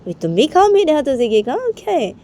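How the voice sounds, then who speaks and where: A woman's voice: sing-song, fast talker, dark tone. A woman doing pleading, coaxing Baani. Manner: coaxing, pleading, higher pitch.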